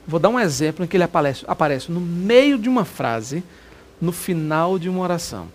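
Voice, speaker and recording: A man's voice: a little high, sing-song, brisk. A Brazilian man teaching Portuguese grammar in an exam-prep video lesson, chatty, repeating examples and checking that students follow.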